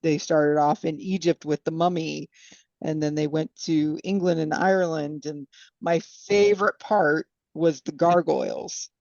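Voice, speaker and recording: A woman's voice: deep voice, steady tone, a little slow, darkish tone, no room sound, muffled recording. A woman in a casual podcast book discussion, talking hesitantly with many fillers. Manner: hesitant, lots of fillers and "you know". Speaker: podcast panelist.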